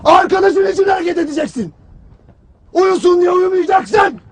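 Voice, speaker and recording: An actor playing a stern, harsh army commander who berates his soldiers in a cold, clipped, shouted delivery. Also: very high-pitched, lively intonation, moderate pace, slight background noise. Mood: lecturing. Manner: cold, relentless, clipped questioning. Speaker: military commander. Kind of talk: film drama acting.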